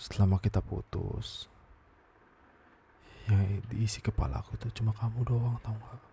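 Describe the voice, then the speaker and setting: A young man plays a weary, wounded boyfriend in a whispered role-play. The voice sits low, with a dark, gravelly texture, and often sinks into a soft whisper. A faint ambient hiss runs underneath. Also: steady tone, measured pace. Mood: tender, hurt. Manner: tired, exasperated, soft and low. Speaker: ASMR voice performer.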